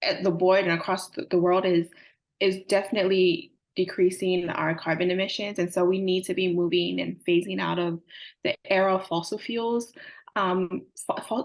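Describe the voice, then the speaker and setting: A young woman, answering interview questions earnestly with frequent fillers. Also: lowish voice. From Samoa. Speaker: climate advocate guest.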